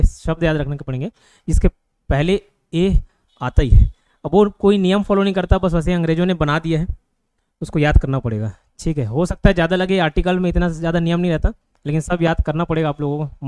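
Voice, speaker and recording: A man's voice: a little high, darkish tone, clean tone, dry recording. A man with an Indian accent teaching an online grammar lesson. He explains step by step and keeps asking his students whether they follow. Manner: explains slowly, with many checking questions.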